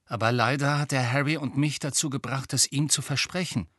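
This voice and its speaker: A man's voice: medium pitch, steady tone, fairly quick, fairly bright tone, no echo, studio quality, voice pushed up, natural voice. A man voicing an earnest, studious teenage girl who sounds sheepish and serious.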